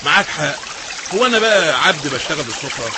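A man's voice: fairly high pitch, sing-song, fast talker, heavy background noise. A man with an Egyptian accent playing a weary, simple, easily swayed water carrier who complains and puzzles in a religious drama. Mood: resentful. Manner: complaining, bewildered. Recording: music under the voice.

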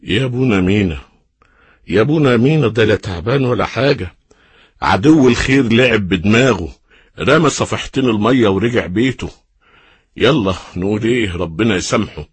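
A man with an Egyptian accent acting a serene, devout, fatherly old monk who speaks with gentle reassurance in a religious drama. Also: fairly low pitch, animated, fairly quick, slightly rough, no echo. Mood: calm, confident.

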